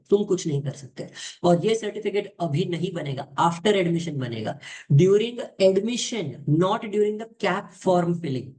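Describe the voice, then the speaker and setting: Man, high-pitched voice, casual tutor, direct, informal. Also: darkish tone. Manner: direct, mixes Hindi and English, addresses viewers informally. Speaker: exam coaching tutor. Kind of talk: casual explainer lesson.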